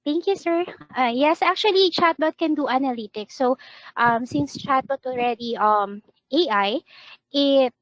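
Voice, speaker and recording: A woman's voice: high voice, unhurried, fairly bright tone, dry recording. A woman guest speaker answering questions in an online webinar over an intermittent internet connection. She talks hesitantly, with many um fillers. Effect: choppy, intermittent internet connection. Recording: dull, lo-fi online call audio.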